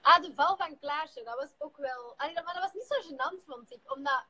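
A woman's voice: sits high, a little fast, pushed and bright, low-quality recording. A young woman with a Flemish accent chatting on a live stream, giggly and talkative. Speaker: pop group member hosting a live stream. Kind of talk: casual chat. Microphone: phone on a live stream.

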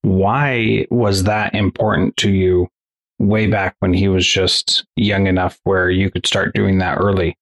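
A man hosting an interview podcast, asking thoughtful, measured questions and sharing about his own family. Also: low voice, flat delivery. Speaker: podcast host. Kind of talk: conversational interview.

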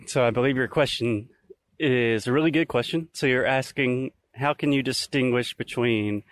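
A man's voice: mid-range voice, dry recording. A man in his early thirties hosting a podcast in casual, explanatory talk, recorded outdoors on a walk. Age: early 30s. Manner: explanatory, conversational. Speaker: podcast host. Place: outdoors in nature, recorded while walking.

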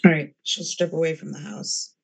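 Husky-voiced woman playing a tabletop game. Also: sits low, moderate pace, poor audio. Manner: casual, plainly describing her character's actions. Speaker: player. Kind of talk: tabletop role-play.

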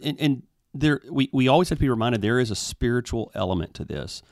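A man's voice: medium pitch, expressive, creaky, darkish tone, no echo, studio quality. A man who leads in a church, speaking carefully and with some hesitation in a casual conversation. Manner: careful, hesitant, measured phrasing.

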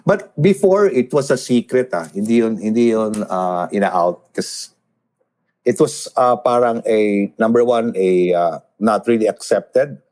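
A man chatting casually on a talk show. He tells stories with lively, swooping pitch. He mixes Tagalog and English as he talks. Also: slow pace. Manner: animated storytelling, switching between Tagalog and English. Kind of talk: casual chat.

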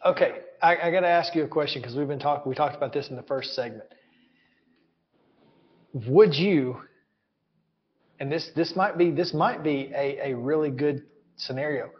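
A man's voice: fairly high pitch, moderate pace, pauses often. A man hosting a casual sports talk show, easygoing and chuckling, often repeating words as he goes. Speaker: sports radio host. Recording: dull lo-fi sound.

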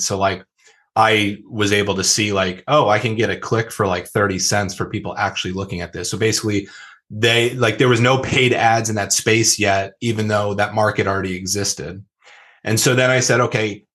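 Rambling low-voiced man, interview guest. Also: a bit bright. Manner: rambling, many "like" fillers and restarts. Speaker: podcast guest, founder. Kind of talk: casual interview talk.

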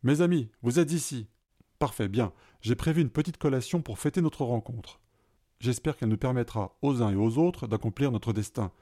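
A man's voice: mid-range voice, normal speed, dark tone, close to an everyday voice. A man reading a story aloud, voicing a showy, courtly master of the house greeting his guests. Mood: effusive. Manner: effusive, courtly. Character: welcoming male host of the house, showy.

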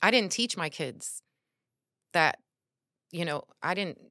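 A woman in her forties, a podcast guest, telling her story in an earnest, animated way with many filler words. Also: on the low side, slow, no room sound, clean studio sound. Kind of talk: casual conversational storytelling.

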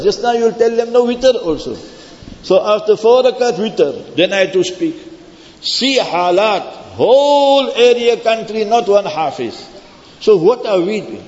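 A man preaching informally, telling stories conversationally and addressing his listeners directly. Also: high voice. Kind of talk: informal sermon with storytelling. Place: large echoing hall, speaking to a gathering. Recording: muffled, reverberant large hall.

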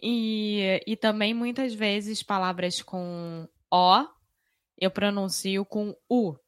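A woman with a Carioca accent from Rio talks in a casual, explanatory way, as a language teacher would. She illustrates sounds with example words. Her voice sits at a medium pitch in a very dry recording. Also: steady tone, takes it slowly, smooth, dry recording. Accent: Carioca (Rio de Janeiro) Brazilian. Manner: demonstrates pronunciation with example words. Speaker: Portuguese teacher.

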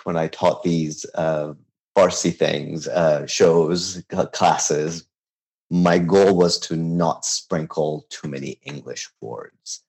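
With a deep, somewhat mellow voice, a chef from Iran in his fifties reflects casually during an interview. His speech halts and restarts frequently, broken up by light laughs.

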